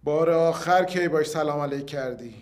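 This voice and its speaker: An actor playing an interrogator who asks calm, pointed questions. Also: male voice, fairly high pitch, close to an everyday voice. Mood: probing. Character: calm probing interrogator man.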